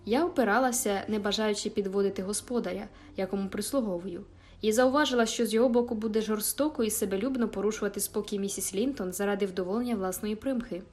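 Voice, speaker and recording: A woman narrating an audiobook in a measured, expressive first-person storytelling manner. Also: mid-range voice. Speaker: audiobook reader.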